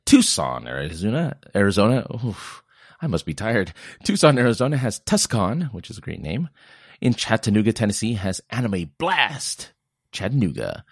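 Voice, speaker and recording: A man's voice: lowish voice, big pitch swings, normal speed, slightly rough, no room sound, clean studio sound. A young man hosting a podcast, reading out a list of upcoming events in a chatty, joking way and tripping over place names now and then. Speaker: podcast host.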